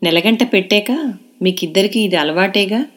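A woman voicing a cheerful, gentle middle-aged mother in an audio novel. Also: mid-range voice, moderate pace, lightly acted.

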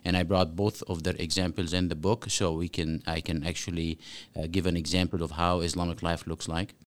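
A man's voice: low voice, level tone, brisk. A man from Egypt, a guest author speaking earnestly in a podcast interview, with many fillers and restarts.

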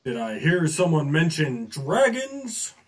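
Storybook hero acted by a man: earnest, rallying warrior, higher male voice, unhurried and lively. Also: exaggerated voice. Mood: bold, earnest. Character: bold earnest heroic warrior rallying his allies.

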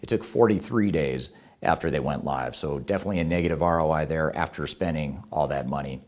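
A man's voice: rumbling low, brisk, darkish tone. A man presenting a top ten countdown as an online video host, explaining in a semi-scripted way and restating key points for emphasis.

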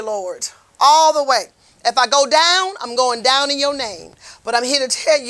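A woman giving an impassioned, folksy Bible lesson, swinging between loud preaching and hushed asides. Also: a little high. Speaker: Bible teacher for a prison ministry.

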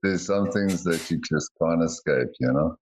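A man with a very deep, low voice, chatting casually as a podcast co-host over a remote call. He talks like a storyteller, drawn-out and theatrical. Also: darkish tone, a little hiss or hum.

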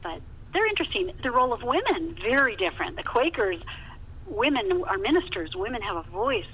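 A novelist appearing as a podcast guest tells stories conversationally in an interview, speaking emphatically and repeating words to stress them. Her voice is a little high and sing-song, brisk and slightly bright, with a breathy edge. The audio comes over a muffled phone line with hiss.

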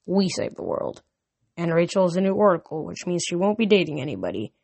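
A man's voice: high voice, very animated, a little fast, vocal fry, darkish tone, full character voice. A wry teenage boy hero from a storybook, joking at his own expense, as a young man reads him aloud. The voice is dry and close to the mic, in a small, dead-sounding space with no echo.

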